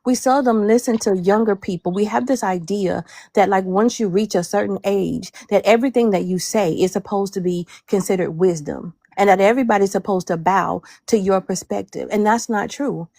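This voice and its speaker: Woman on a panel, measured but opinionated, repeats for emphasis, dry mid voice. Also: mid-range voice, gravelly, mellow, no echo. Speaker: panel guest. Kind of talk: casual panel discussion.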